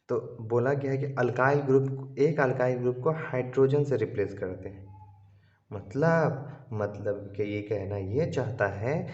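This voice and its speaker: A man teaches a chemistry class, explaining slowly and repeating key terms so students can follow. He often asks the students' questions himself before he answers them. The recording sounds roomy and a little dull, as if captured at a board in an echoey room. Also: mid-range voice, darkish tone. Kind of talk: online class lecture.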